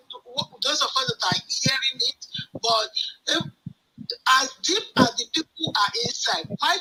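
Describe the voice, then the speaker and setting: A woman calling in, heard through a phone held on speakerphone, giving an earnest, halting comment and repeating words as she goes. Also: extremely high pitch, vocal fry, sharp tone, low-quality recording. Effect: heard over a phone on speakerphone. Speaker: caller. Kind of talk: call-in comment on a live stream.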